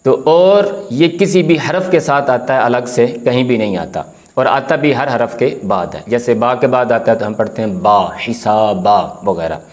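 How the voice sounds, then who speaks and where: A man teaching beginners to read the Quran, calmly explaining how each letter is said and drawing out the sounds to demonstrate them. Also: mid-range voice, moderate pace. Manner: firm when correcting common mistakes. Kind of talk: recorded beginner lesson, explaining letter pronunciation.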